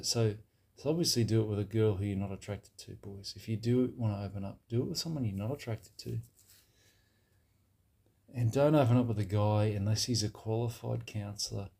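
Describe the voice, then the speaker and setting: A man playing a blokey Australian bro who gives dubious advice in a satirical monologue, with a husky, laddish way of talking. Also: lowish voice, darkish tone. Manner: laddish, drops "mate" and "bloody" constantly.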